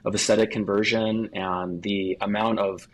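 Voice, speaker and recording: Speaking at a moderate pace with a fairly low pitch and level tone, a man guests on a podcast as a sales coach. He offers expert advice conversationally, explaining in a series of points and acting out phrases as examples.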